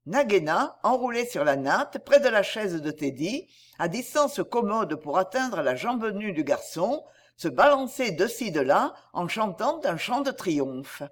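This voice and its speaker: A woman reads a storybook aloud with a measured, expressive delivery. Her voice sits at a middling pitch but moves lively up and down. The telling is steady and clear. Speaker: narrator. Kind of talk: storybook reading.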